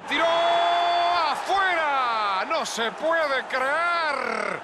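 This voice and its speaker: A man playing an excitable video game football commentator, calling goals with drawn-out shouts and rapid repeats over stadium noise. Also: very high-pitched. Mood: shouted disbelief. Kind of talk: excited goal commentary of a penalty shootout. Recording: clear stadium noise behind.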